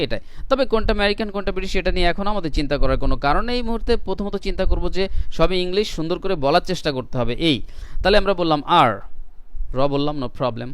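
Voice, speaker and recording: Higher-voiced male teacher, dry and clear. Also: fairly bright tone, no room sound. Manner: repeats words slowly to model pronunciation; mixes English phrases into Bengali explanation. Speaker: English pronunciation teacher. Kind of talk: online lesson.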